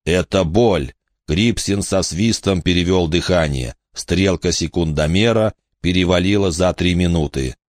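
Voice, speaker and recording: A man narrating an audiobook in a steady, measured reading. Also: deep voice, no echo, clean studio sound.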